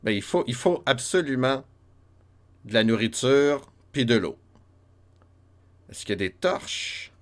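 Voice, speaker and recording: Expressive and unhurried, a man's mid-range voice carries chatty let's-play commentary over a retro RPG, pausing often. He speaks with a Quebec French accent, laughs frequently, and keeps addressing his chat.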